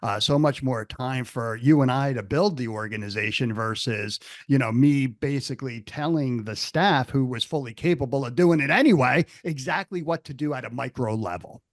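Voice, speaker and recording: A man's voice: medium pitch, moderate pace, few pauses, dry recording, studio quality. A man co-hosting a podcast, chatting in an enthusiastic way and repeating words as he talks. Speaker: podcast co-host. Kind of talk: casual chat.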